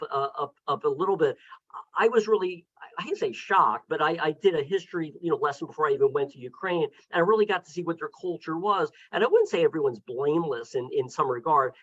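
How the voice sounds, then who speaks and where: A man with a somewhat high voice talks as a neurologist on a webinar panel. He stumbles and restarts often, repeating words as he gathers his thoughts. The sound is dull and lo-fi, like a video call. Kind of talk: casual panel discussion.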